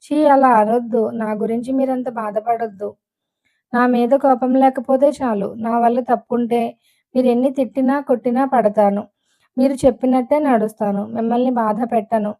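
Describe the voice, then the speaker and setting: A woman's voice: a little high, steady tone, moderate pace, mellow, natural voice, poor audio. A woman reading the lines of a hurt young wife who speaks with tearful reproach in an audiobook. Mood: pleading.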